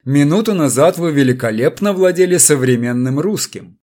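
A man voicing a calm, cold male captain who speaks in a measured way. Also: a little high, lightly acted. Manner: cool, measured.

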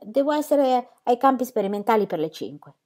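A cold, pedantic pastor husband delivers each line with icy formality and plain condescension, read by a woman. His voice rises and falls widely. The speech is slow and precise. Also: very high voice, sing-song, darkish tone, pitched above the performer's own voice. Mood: coldly condescending.

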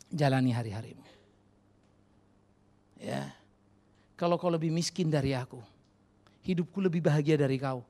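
A man's voice: medium pitch, mellow. A middle-aged male pastor preaching a fiery sermon in church, scolding and addressing the congregation directly.

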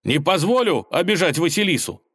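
Male reader playing hotheaded young hero, high and shouty, excitable. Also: normal speed, dry recording, clean studio sound, lightly acted. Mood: indignant. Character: brash young hero in a helmet, quick-tempered.

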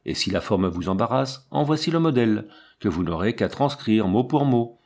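Man reading composed society wife, calm, dignified, ironic, lowish voice, storybook. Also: normal speed. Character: banker's wife, cool, composed, in command.

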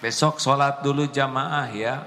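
A pious, firm father, as a preacher puts him on, speaks gently and patiently. His unhurried words echo through a reverberant hall with faint ambience. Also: mid-range voice, steady tone, a little hiss or hum.

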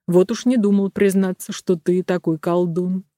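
A reader voicing a calm, stubborn young man in a storybook reading, speaking quietly and firmly. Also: mid-range voice, moderate pace, no echo, clean studio sound, lightly acted. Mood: calm defiance. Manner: quiet and firm. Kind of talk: storybook character voice.

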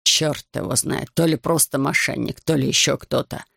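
A man voicing a distraught heavyset businessman begging for help for his arrested son, in a slow, broken, pleading way. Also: fairly high pitch, fairly even intonation, creaky, sharp tone, no echo, clean studio sound, full character voice. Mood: desperate pleading. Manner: desperate, pleading, slowed and broken.

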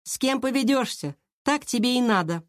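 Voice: medium pitch, fairly even intonation, normal speed, no room sound, clean studio sound, pitched above the performer's own voice, close to an everyday voice. Reader playing a taunting schoolgirl.

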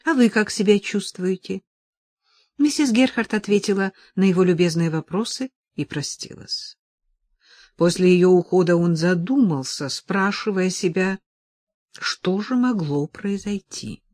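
A woman narrating a classic novel as an audiobook, in a measured, expressive manner. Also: lowish voice, dry recording.

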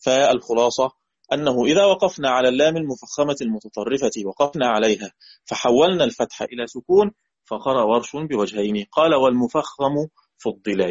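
Egyptian man teaching recitation, husky voice. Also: medium pitch. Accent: Egyptian Arabic. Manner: asks the class questions, repeats and chants example words. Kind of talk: classroom lecture on recitation rules. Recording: dull lo-fi recording.

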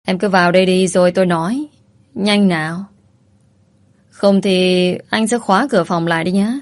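A woman's voice: fairly low pitch, steady tone, normal speed, lightly acted. A woman reading a story, voicing a crude, bullying young man with a sneering, coarse manner. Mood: leering.

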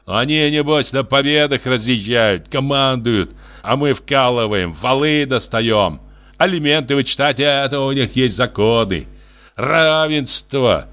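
A man's voice: mid-range voice, expressive, a little slow, sharp tone. A man puts on a heavy, bald drunkard in a storybook tale. He grumbles and sulks in a whiny voice that rises and falls a lot, always complaining that nothing works. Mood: indignant.

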